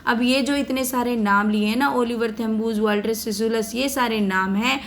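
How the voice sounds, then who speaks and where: A woman's voice: fairly high pitch, a little hiss or hum. A woman English teacher with an Indian accent, reading a text aloud phrase by phrase and then explaining it in Hindi mixed with English. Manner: reads English lines slowly, then explains them briskly in Hindi mixed with English. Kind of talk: explaining a worksheet text line by line.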